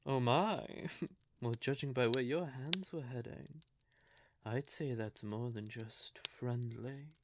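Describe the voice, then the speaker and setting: Playing a vampire lover who is courtly yet possessive, a man addresses the listener in a scripted audio roleplay, theatrical and deliberate, syrupy with endearments and breathy with quiet menace. His tone is mocking and menacing, his voice mid-range, and the background is noisy.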